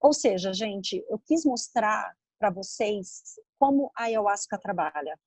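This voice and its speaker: A woman co-hosting a podcast, telling a personal story in a lively, conversational way full of casual fillers. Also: medium pitch, unhurried, husky, no echo, low-quality recording. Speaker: podcast co-host.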